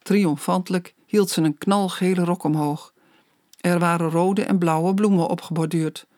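An audiobook narrator reads a children's story at a slow, measured pace. The voice sits at a middle pitch. The recording is dry and close, with no room sound. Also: steady tone, darkish tone, no room sound.

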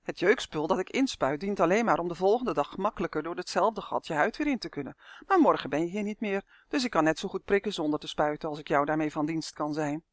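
A storyteller voicing a sneering, whiny male mosquito in a children's audiobook, with a shrill, mocking manner. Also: expressive, fast, few pauses, no room sound, studio quality, natural voice.

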